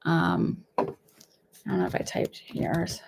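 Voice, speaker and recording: A woman with a slightly low voice and a lisp that whistles on the s, touched by a mild cold. She talks in a casual, rambling way as a psychic medium on a livestream, keeping her volume down and pausing to find her words. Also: very animated, gravelly, slight background noise. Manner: hesitant, rambling, conversational; speaking somewhat quietly. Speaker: psychic medium host giving live readings.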